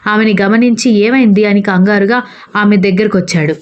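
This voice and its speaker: A woman narrates a romantic family story in a steady storytelling voice. She voices every character's lines herself without changing her voice. The recording sounds dull and lo-fi. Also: mid-range voice, fairly quick. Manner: reads all characters' lines in her own voice.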